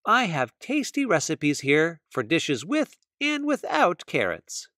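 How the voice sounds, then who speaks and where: A man voicing a calm, reassuring female weasel nurse in a storybook, matter-of-fact. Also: fairly high pitch, takes it slowly, no room sound, studio quality, full character voice.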